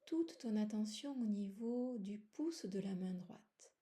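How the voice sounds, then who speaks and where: A woman's expressive, mid-range voice guides a yoga nidra relaxation meditation. Soothing and unhurried, she speaks in short phrases with long pauses, and her soft tone sometimes slides toward a whisper.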